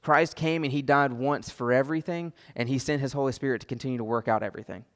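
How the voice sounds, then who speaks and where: Male pastor, earnest gentle sermon delivery, mid pitch, reverberant church hall. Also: fairly even intonation, quick pace. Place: church sanctuary.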